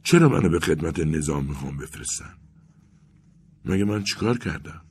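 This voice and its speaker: A man's voice: a bass voice, animated, darkish tone, a little hiss or hum. A man voicing a frail, anxious young clerk who is breaking down, speaking in a pleading, tremulous way. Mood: bewildered.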